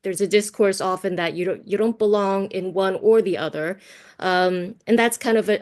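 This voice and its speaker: Her voice is fairly low and a little mellow as she leads a teaching workshop online via video call. An American whose first language is Cantonese, the presenter talks conversationally, frequently tossing in tag questions to check in.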